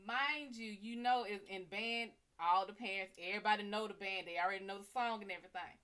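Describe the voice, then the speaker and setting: Bright, brassy woman telling a story. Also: medium pitch, a little fast. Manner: animated, profane storyteller calling listeners honey and baby. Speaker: psychic reader and live show host. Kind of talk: casual live-stream storytelling.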